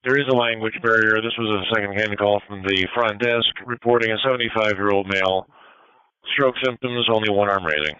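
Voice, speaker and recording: Bright, very crisp male radio dispatcher. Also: on the low side, steady tone, fairly quick, dry recording. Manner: procedural, matter-of-fact. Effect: radio transmission. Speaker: emergency medical dispatcher. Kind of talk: police and fire radio dispatch. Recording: dull band-limited dispatch radio.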